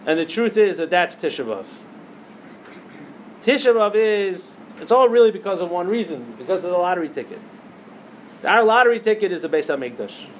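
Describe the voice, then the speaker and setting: A man with a high-pitched voice teaches a Torah lesson, weaving Hebrew terms into plain English. He tells a parable and keeps asking his listeners questions. A faint hum sits under the recording. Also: lively intonation, a little fast, rough recording. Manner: storytelling with rhetorical questions, many Hebrew terms. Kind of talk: teaching a lesson on liturgical poems.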